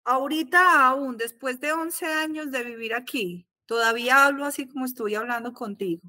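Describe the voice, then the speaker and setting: Bright high-voiced Colombian woman. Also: moderate pace, dry recording. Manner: animated, acts out quoted exchanges. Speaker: guest, architect. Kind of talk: casual podcast conversation.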